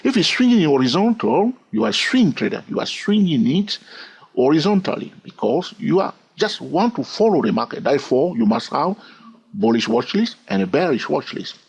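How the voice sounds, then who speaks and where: Over a screen recording, a male instructor walks through swing trading, restating his points with energy and repeatedly asking "all right?" He speaks at normal speed in a slightly high, husky voice with vocal fry.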